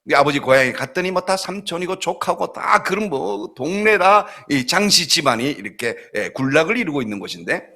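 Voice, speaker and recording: A middle-aged man from South Korea, a pastor preaching a sermon and telling family stories in an animated way, acting out other people's voices. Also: a little high, fairly quick, hardly any pauses. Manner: animated storytelling, acts out voices, laughs often. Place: church sanctuary.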